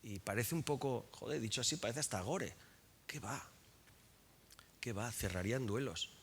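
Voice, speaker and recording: At a public book presentation, a man with a gravelly, fairly bright, medium-pitched voice speaks at a normal speed over a little hiss or hum. He is frank and colloquial, swears often, and restarts and repeats words as he thinks aloud.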